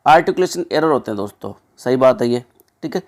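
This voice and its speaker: A young man working through exam questions as a teacher, chatty, often checking in with listeners, reading options slowly before explaining them. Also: medium pitch, animated. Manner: conversational, repeats "ठीक है" and "दोस्तों"; reads English options slowly, then explains.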